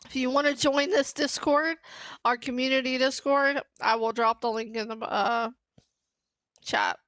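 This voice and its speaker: High-voiced, giggly woman streamer. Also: steady tone, unhurried, fairly bright tone, no echo. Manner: giggly and scattered, talking to chat. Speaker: game streamer. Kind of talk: casual live-stream chat.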